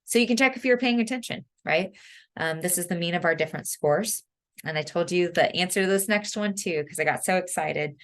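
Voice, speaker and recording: Low-voiced woman teaching statistics online. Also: brisk. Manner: chatty, self-correcting, many ums. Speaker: college statistics instructor. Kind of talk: online lecture.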